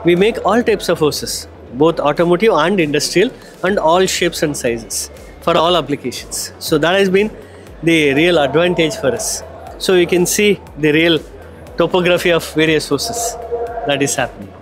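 A man's voice: a little high, normal speed, faint music behind. A middle-aged man with an Indian English accent, confidently explaining his company's products on a handheld mic at a trade show booth. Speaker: company executive. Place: busy exhibition hall booth. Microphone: handheld microphone.

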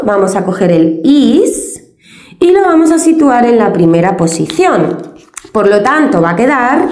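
A woman teaching an English grammar lesson step by step, patient and explaining things slowly with many diminutives. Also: fairly high pitch, darkish tone, reverberant.

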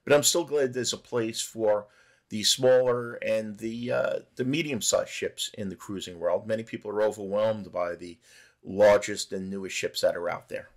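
A middle-aged man giving a relaxed, conversational voice-over narration for a cruise ship tour vlog. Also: on the low side, normal speed. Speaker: travel vlogger.

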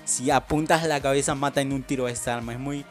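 A young man giving casual commentary over his mobile shooter gameplay, chatting to his viewers and bursting into shouts and laughs. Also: medium pitch, fairly even intonation, fast talker. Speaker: gaming channel host. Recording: loud game music behind voice.

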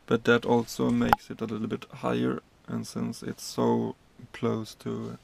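In a casual tour of his cab, a Swedish man in his thirties who drives trucks explains the controls with plenty of fillers and restarts. The mid-range voice is monotone and creaky, and there's background noise.

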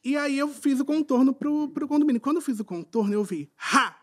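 A man's voice: very high voice, fairly quick. A middle-aged man telling a comic story to a studio audience, laughing as he goes and acting out voices. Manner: excited, laughs through his story, acts out voices.

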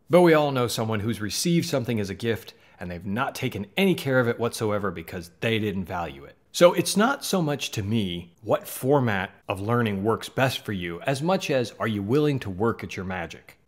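A man in his thirties, host of a magic channel, talks earnestly to camera from a small home studio, gesturing with his hands. He is from the Southern United States but has a Midwestern accent, and his medium-pitched voice is very animated, a little fast, with few pauses. It's casual, conversational talk picked up by a studio mic on a boom in front of him.

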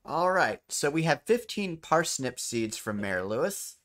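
In an unhurried, fairly bright voice on the high side with big pitch swings, a man walks through a game tutorial. He demonstrates the gameplay, explains the controls step by step and goes over key points again.

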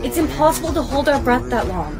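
A woman's voice: high voice, sing-song, brisk, gravelly, music in the background, crowd noise. A woman acting out a comedy skit with an earnest, pleading delivery.

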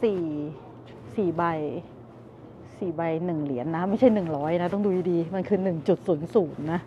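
Woman, 30s, chatty travel vlogger, outdoor market, arm's-length camera, dull sound, clear crowd noise. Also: fairly low pitch, normal speed. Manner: chatty, tasting and commenting, talks to viewers. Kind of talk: casual food and market vlog. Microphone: handheld camera at arm's length. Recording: muffled outdoor recording with street noise.

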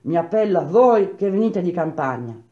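A man's voice: sits high, lively intonation, normal speed, mellow, highs cut off. A man voicing an indignant, earnest laborer from the countryside who pleads for fairness. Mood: pleading.

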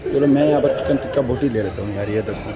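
Talking fast in a medium pitch, a young man with a Pakistani accent reviews food as a casual vlogger, tossing English words into his speech. He's in a large indoor restaurant, and the lo-fi recording carries loud chatter from the busy crowd behind him.

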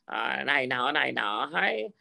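A man's voice: mid-range voice, big pitch swings, unhurried, gravelly, pushed and bright. A man in casual political chat, speaking hesitantly with many fillers. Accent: Vietnamese-American.

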